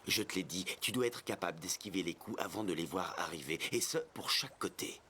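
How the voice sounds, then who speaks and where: Deep-voiced, gruff swordsman mentor. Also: brisk, sharp tone, slight background noise. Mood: commanding. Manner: blunt, commanding, grumbling. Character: gruff, stern adult male swordsman mentor. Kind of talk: anime dub acting.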